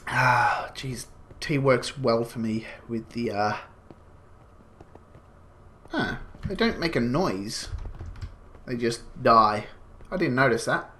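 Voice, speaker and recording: A gaming channel host with a slight cold sniffles through casual, rambling gameplay commentary, explaining as he goes and leaning on lots of fillers. His medium-pitched voice moves slowly with long pauses and a sharp edge, over a faint hiss or hum.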